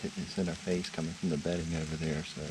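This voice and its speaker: A low-key, plain-spoken man hosting a hunting vlog, casually updating viewers from outdoors. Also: little pitch movement, fast, background noise. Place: outdoors in the field while hunting.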